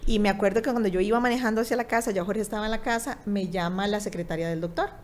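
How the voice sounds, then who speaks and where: A Costa Rican woman in her thirties, speaking with a Costa Rican Spanish accent, is a guest in an interview, telling a personal story and acting out its dialogue. Her medium-pitched voice has fairly even intonation, and she races through her words.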